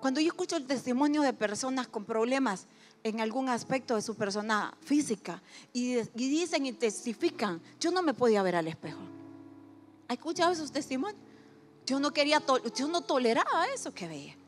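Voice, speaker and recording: A woman preaching a sermon with a high, bright voice. She talks animatedly, rising to loud emphasis and falling to hushed asides, and acts out people's words in little quoted voices. Soft music plays faintly behind her. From Honduras.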